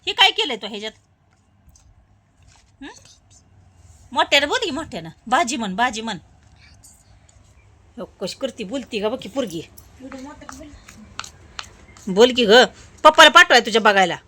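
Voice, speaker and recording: A woman's voice: fairly high pitch, sing-song, unhurried, long pauses, bright, forceful tone. A young woman, coaxing a small child on camera, repeating her prompts again and again. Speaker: mother filming her child. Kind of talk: casual home video chat.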